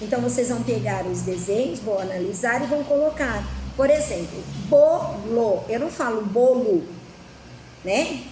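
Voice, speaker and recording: A woman's voice: on the high side, fairly quick, darkish tone. A woman teacher with a Brazilian Portuguese accent giving a children's lesson, patient, often asking the class questions. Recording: echoey room with faint noise.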